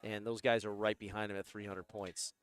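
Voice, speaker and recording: A man co-commentating on a sporting event, terse and steady, reeling off scores and quick affirmations. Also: fairly low pitch, smooth.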